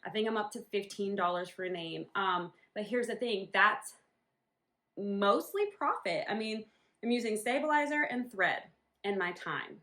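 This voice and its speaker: A woman's voice: medium pitch, normal speed, sharp tone. A woman from Northern New England chatting casually about her home embroidery business, rambling with many ums and likes. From Northern New England, USA. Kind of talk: casual vlog chat.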